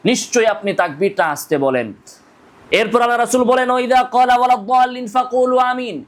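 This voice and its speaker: A man's voice: high-pitched, fairly bright tone. A man giving a religious lecture, reciting Arabic hadith lines and then translating them, pressing his listeners with rhetorical questions. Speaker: mufti and Islamic preacher. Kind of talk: religious lecture on prayer rulings.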